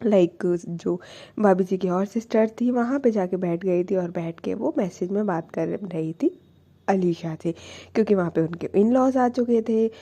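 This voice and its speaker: A woman's voice: mid-range voice, measured pace, mellow. A young woman telling a love story casually, chatty with many fillers.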